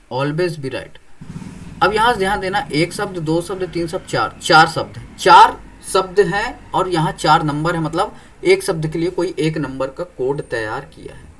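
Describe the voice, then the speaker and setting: A man's voice: fairly high pitch, fairly bright tone. A young man teaching an exam-prep reasoning lesson, explaining step by step and often asking whether students follow. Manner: explains step by step, keeps checking "clear?".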